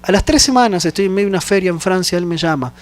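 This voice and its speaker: A man's voice: high voice, expressive, racing. A man, a pastor, telling a personal story in a sermon and acting out the phone calls in quoted voices. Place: church.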